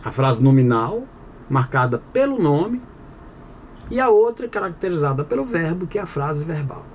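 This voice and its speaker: This man's voice sits on the high side and is very animated as he teaches Portuguese grammar at a moderate pace. He explains things conversationally, asks questions and answers them himself, and keeps dropping in "tá bom?" A little hiss or hum is audible.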